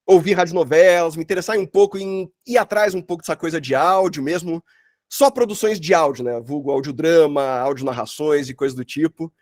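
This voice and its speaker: Over an online video call, a sound designer teaches a workshop in an informal, chatty way, packed with slang and filler tags. His voice is fairly high and a little mellow, with a dry, clean studio sound.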